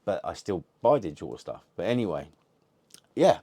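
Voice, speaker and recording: A man's voice: sits low, very animated, normal speed, vocal fry, mellow, no echo. A man hosting a retro gaming channel, chatting casually to camera in a rambling way, swearing constantly and restarting sentences. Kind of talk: casual unboxing chat to camera.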